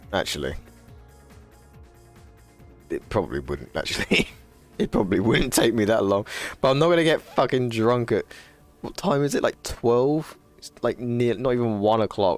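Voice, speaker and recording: Rambling, swearing and laughing a lot, a twentysomething man with a low voice chats casually to his live stream audience as a livestreamer.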